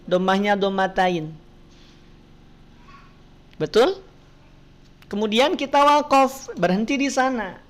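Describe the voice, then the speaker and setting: A woman teaches Quran recitation over a video call at an unhurried, careful pace. She patiently quizzes her students and models each sound for them. Her voice sits at an ordinary middle pitch. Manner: patient, asks students questions and models pronunciation. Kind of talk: online Quran reading class.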